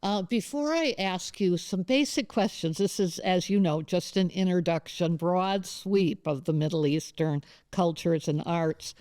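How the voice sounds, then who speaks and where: A woman's voice: on the low side, measured pace, few pauses, dark tone, no room sound, clean studio sound. A woman professor interviewing a colleague, talking in a rambling, conversational way with many asides. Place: campus studio.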